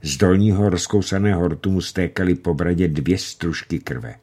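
A man narrating a novel in a measured, dramatic reading voice that slows for tense moments. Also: low-pitched, mellow. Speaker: audiobook narrator.

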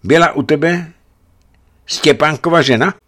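A man's voice: fairly high pitch, a bit bright, pitched above the performer's own voice. A man voicing an aged, stern Orthodox bishop who speaks in a solemn, commanding way.

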